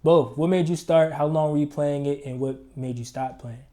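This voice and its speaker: A man's voice: a little high, normal speed, warm tone. A man hosting a casual interview in a recording studio, asking easygoing, loose questions. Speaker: interview host.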